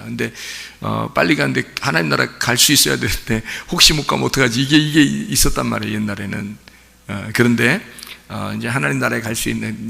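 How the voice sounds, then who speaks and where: The recording, heavy with long church reverb, captures a male pastor preaching during Sunday service in the sanctuary. His mid-range voice sounds creaky and sharp. He talks to the congregation conversationally, often putting rhetorical questions to them.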